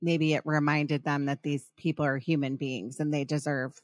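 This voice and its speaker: A middle-aged woman hosts a podcast in a relaxed, chatty way, rambling with passion and frequently starting her sentences over. Her low voice stays level at an ordinary pace, captured in a dry, studio-quality recording.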